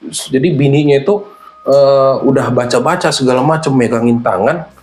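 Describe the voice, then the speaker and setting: A guest storyteller with a medium-pitched voice tells a true horror story at a moderate pace. He's animated and slangy, acting out the different voices.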